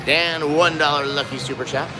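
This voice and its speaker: A man's voice: on the high side, fairly even intonation, moderate pace, rough recording. A man of fifty doing casual live-stream commentary as he gambles, exclaiming and chatting to his viewers. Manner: exclamatory, talking to chat and machine. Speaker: casino slot live streamer. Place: casino gaming floor. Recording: loud casino music behind voice.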